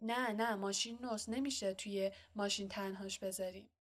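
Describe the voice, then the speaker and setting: Woman voicing a middle-aged bully uncle, blustering, loud, threatening, storybook reading. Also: mid-range voice, fairly even intonation, lightly acted.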